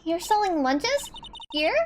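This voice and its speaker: A woman voicing an eager, high-pitched young investigator. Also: slow pace, heavy background noise, heavily acted. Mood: exclaiming. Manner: excitable, exclaiming. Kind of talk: amateur game voice reading.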